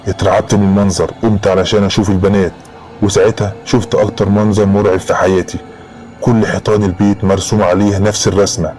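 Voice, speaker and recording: A man's voice: low-pitched, darkish tone. A man with an Egyptian Arabic accent narrating a horror story in the first person, in a dramatic storytelling style.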